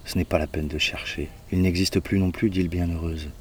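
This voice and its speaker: A man's voice: deep voice, steady tone, brisk, recorded from a distance, slight background noise, close to an everyday voice. A man voicing a mournful old male soothsayer, a prophet of doom who speaks in a sad, lamenting way.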